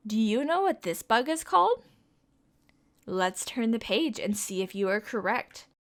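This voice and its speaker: A young woman with a fairly high, sing-song voice reads a picture book aloud to kids without hurrying. At storytime she draws the listeners in with coaxing questions.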